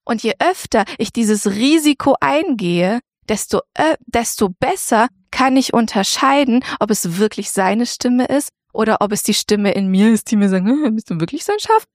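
Higher-pitched woman giving a casual devotional. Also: moderate pace, hardly any pauses, no echo, clean studio sound. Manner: colloquial, repeats phrases like a mantra.

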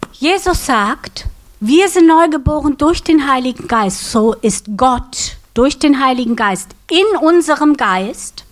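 A woman preaching a sermon, teaching with a prop and asking her listeners questions. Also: sits high. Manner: asks the audience questions, lively.

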